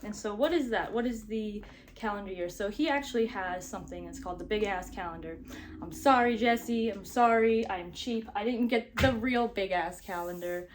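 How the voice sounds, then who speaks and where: A woman's voice: on the high side, a little mellow, a little hiss or hum. A woman vlogging casually to camera, upbeat and chatty, with lots of fillers and a slightly breathless sounding voice.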